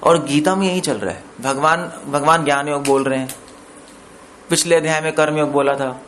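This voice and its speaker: A man with a fairly high voice teaching scripture to a gathering, pausing to quiz his listeners and slipping English terms into his explanation. A faint hiss sits under the recording. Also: a bit bright. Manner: explains with questions to listeners, mixes in English words. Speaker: preacher. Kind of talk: scripture discourse.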